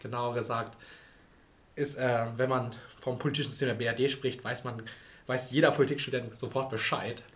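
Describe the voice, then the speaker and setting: Young male podcast co-host, mid voice. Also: mid-range voice. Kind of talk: podcast hosting, introducing guest.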